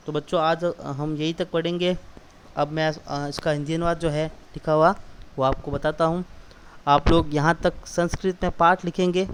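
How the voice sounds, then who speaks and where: A man's voice: a little high, a little hiss or hum. A man teaching a school class, patiently explaining word by word and repeating questions for the students. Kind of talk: classroom lesson explaining a text.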